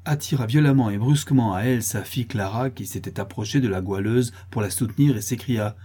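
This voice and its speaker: Man narrating a storybook, dark mellow voice, husky. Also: fairly low pitch. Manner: measured, dramatic narration. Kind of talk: storybook reading.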